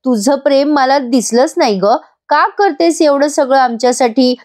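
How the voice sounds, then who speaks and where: A woman voicing a remorseful, warm young sister-in-law in a voice-over episode recap, earnest and apologetic. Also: high voice, normal speed, natural voice. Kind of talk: voice-over recap reading a character's lines.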